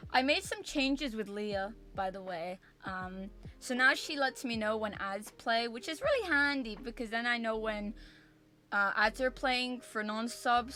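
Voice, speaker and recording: A woman's voice: on the high side, sharp tone. A woman chatting casually on a livestream as a variety streamer, with a cute, bubbly, apologetic anime-streamer manner. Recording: music behind the voice. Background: music.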